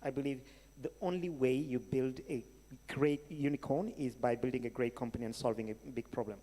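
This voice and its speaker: Speaking briskly in a mellow, medium-pitched voice, a Senegalese-accented keynote speaker fields questions in a large hall at a live event. He sounds conversational yet emphatic, posing rhetorical questions amid a long, echoing reverb.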